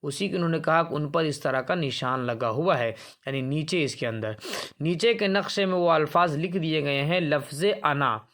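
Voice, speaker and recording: A man teaching Quran reading from a primer chart, explaining each example and saying words slowly to demonstrate. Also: a little high, fairly bright tone. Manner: explanatory, repeats words slowly to demonstrate, asks and answers himself.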